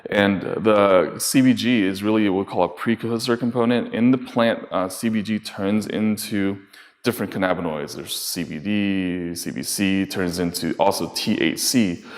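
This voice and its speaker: A man giving an explanatory talk as medical advisor, halting, with many fillers. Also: on the low side. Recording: long reverb.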